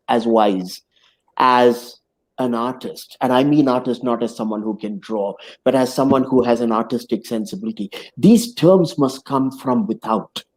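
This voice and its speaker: A middle-aged man hosting a live video-call interview, speaking in a measured, reflective and philosophical way. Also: mid-range voice, dark tone, low-quality recording. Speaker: host and interviewer.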